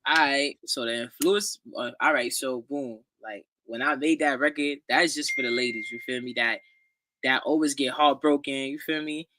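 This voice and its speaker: Young rapper, bright tone. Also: male voice, mid-range voice, steady tone, moderate pace, a little hiss or hum, rough recording. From Brooklyn, New York. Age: young adult. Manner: keeps adding "you feel me". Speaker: guest rapper. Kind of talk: casual interview chat.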